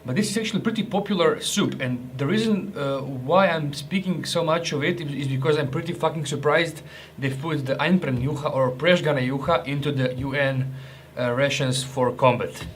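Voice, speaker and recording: A man's voice: fairly high pitch, moderate pace, few pauses, slight background noise. Joking man tasting rations. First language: Croatian. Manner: chatty, joking, restarts and hesitations. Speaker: ration reviewer. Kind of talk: casual food review vlog.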